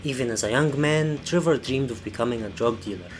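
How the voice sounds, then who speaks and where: A man reading scripted video essay narration in a serious, measured storytelling manner. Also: mid-range voice, slight background noise.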